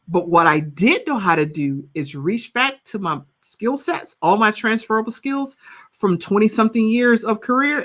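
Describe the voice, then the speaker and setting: A counselor in her fifties speaks on a video-call podcast in a bright, forward voice. She tells her story with animated energy and keeps checking in with "right?". Her pitch sits in an ordinary middle range for a woman. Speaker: guest, counselor and coach. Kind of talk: podcast interview.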